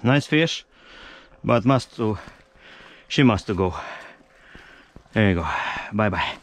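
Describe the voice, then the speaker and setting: A man in his thirties talking to camera from an ice-fishing tent, in broken non-native English and breaking into excited exclamations. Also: on the low side, slow, slight background noise. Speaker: fishing vlogger. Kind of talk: casual vlog narration to camera. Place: inside an ice-fishing tent on a frozen lake. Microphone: action camera mounted in the tent.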